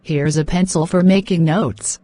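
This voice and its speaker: A woman's voice: fairly low pitch, fairly even intonation, unhurried, dark tone, no room sound. Formal woman examiner, close dry sound. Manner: formal, polite, procedural. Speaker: speaking test examiner. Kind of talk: scripted exam questions and instructions.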